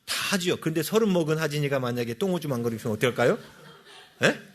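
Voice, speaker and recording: A man's voice: on the high side, animated, quick pace, a bit bright. A male pastor giving a sermon, asking the congregation questions and answering them himself.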